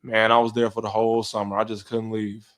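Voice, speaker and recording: Laid-back young man chatting on stream. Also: fairly quick. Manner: relaxed, slangy, talks to his dog in a high coaxing voice. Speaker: livestream host. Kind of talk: casual live stream chat.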